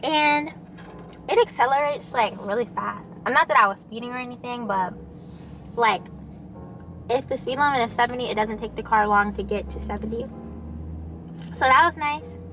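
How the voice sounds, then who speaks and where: A woman's voice: on the high side, moderate pace, pauses often, bright, forceful tone, a little hiss or hum. A young woman chatting casually with the camera while eating, chatty and loose, full of fillers. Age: young adult. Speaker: vlogger. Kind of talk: casual mukbang chat.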